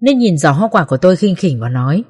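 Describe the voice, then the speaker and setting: A woman narrating a first-person family drama in a soft, melancholy way. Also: fairly low pitch, sing-song, fast, slightly rough, in a large hall. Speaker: audiobook narrator.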